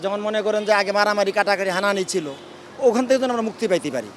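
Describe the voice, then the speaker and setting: A man's voice: high voice, very fast, slight background noise. An older man in a street interview, speaking colloquially in a weary, disillusioned way. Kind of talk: vox pop complaint.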